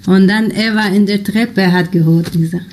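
A young woman from Afghanistan recounts her experiences for an interview. Her German is halting and hesitant, full of pauses and fillers, the speech of a non-native speaker. Her voice sits at an ordinary pitch. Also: steady tone, a little mellow. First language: not German. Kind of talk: personal storytelling in an interview.

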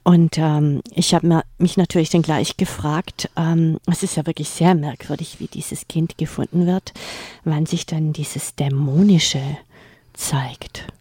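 Slow breathy host, half-whispering. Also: medium pitch, fairly even intonation, mellow, no room sound. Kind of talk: interview chat.

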